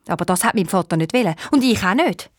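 A woman with a Swiss German accent voicing a sorrowful young princess who was turned into an owl, speaking in a hoarse voice. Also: mid-range voice, animated, fast, dry recording, studio quality, close to an everyday voice. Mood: plaintive.

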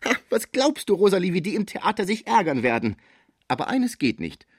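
A man's voice: mid-range voice, wildly swooping pitch, fast talker, no room sound, studio quality. A man reading aloud, voicing a poor theatre extra who is beside himself with joy. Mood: overjoyed. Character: excited poor male theatre extra, overjoyed.

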